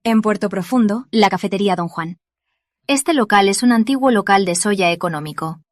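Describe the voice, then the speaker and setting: An actress voicing a young woman lead who narrates her memories in a soft, wistful inner monologue. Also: medium pitch, normal speed, dry recording, natural voice. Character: reflective young woman recalling her past. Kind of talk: dubbed drama narration.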